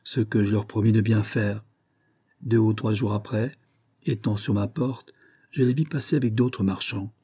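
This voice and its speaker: A man's voice: on the low side, steady tone, moderate pace, dark tone, slightly rough, no echo, clean studio sound. A man voicing a distressed widow innkeeper who pleads in tears for help. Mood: tearful pleading. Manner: tearful, pleading.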